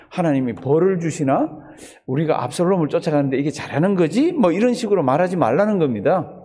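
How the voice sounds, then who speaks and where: Korean pastor guy preaching, keeps asking the church questions then answering, lively mellow voice, long church echo. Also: on the high side. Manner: asks the congregation questions and answers them. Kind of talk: dawn service sermon. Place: church sanctuary. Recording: long church hall reverb.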